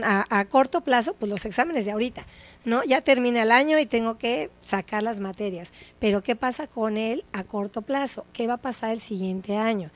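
Mexican woman, guest expert on educational TV, somewhat high voice, dry close sound, teacherly and checks in often. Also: no room sound. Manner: didactic, checks in with tag questions. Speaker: guest psychologist. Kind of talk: educational TV talk.

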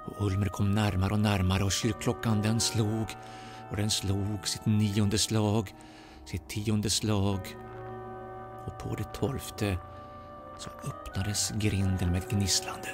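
A man from Sweden telling a ghost story aloud, dramatic with slow, suspenseful pauses. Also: fairly low pitch, flat delivery, over music. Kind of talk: oral ghost story narration.

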